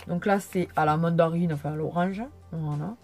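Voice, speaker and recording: A woman's voice: low-pitched, fairly even intonation, normal speed, a little mellow, soft background music. A tired young woman chatting through a casual haul video, rambling and hesitant with many fillers. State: tired, yawning. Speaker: vlogger.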